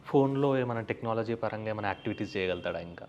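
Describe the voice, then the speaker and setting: A woman's voice: rumbling low, racing, a little mellow. A woman interviewer asking brief questions and giving short acknowledgements. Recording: dull lo-fi sound with faint noise.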